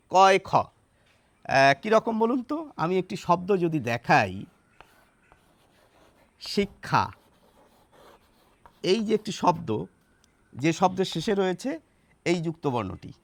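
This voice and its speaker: A man giving a friendly explanatory lesson, reciting rhyme lines slowly and often asking his viewers questions. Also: high voice, sing-song, no room sound. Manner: asks rhetorical questions to viewers. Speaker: teacher.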